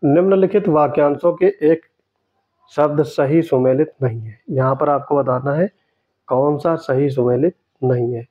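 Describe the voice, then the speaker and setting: Man, exam tutor, steady explaining voice, repeats key words, slightly dull lo-fi sound. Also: fairly high pitch, measured pace. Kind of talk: explaining test answers.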